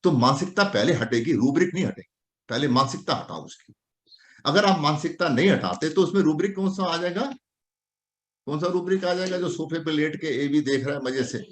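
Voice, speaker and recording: A man teaching homeopathy in a classroom lecture, talking straight to his students in an animated way. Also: mid-range voice. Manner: animated, addresses students directly. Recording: echoey room.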